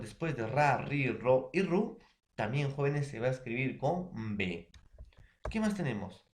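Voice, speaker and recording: Man, Peruvian Spanish accent, classroom teacher, repetitive, checks on students, mid pitch, echoey room. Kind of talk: classroom spelling lesson.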